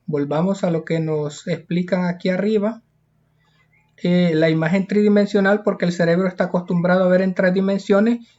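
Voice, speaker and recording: A man's voice: sits high, darkish tone. Guy teaching a lesson, patient, repeats stuff, kinda muffled recording. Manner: patient, explains step by step and repeats key points. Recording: dull lo-fi recording.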